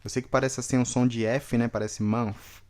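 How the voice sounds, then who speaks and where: A man's voice: medium pitch, level tone, normal speed, a little mellow. A man teaching English vocabulary to Portuguese speakers, repeating each word several times and checking in with the class after each one. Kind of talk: vocabulary lesson with repetition drills.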